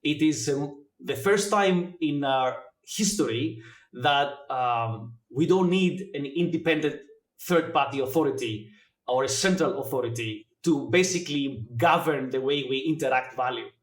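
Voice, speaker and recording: A man in his forties, originally from Greece, explaining his work as a guest, with many filler pauses between thoughts. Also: mid-range voice. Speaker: guest, blockchain educator. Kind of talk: interview answers. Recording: echoey room.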